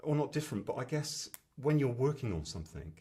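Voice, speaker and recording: A man's voice: medium pitch, big pitch swings, quick pace, dark tone. A male film journalist asking questions at a festival, often rambling and fumbling as he phrases them. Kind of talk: press interview.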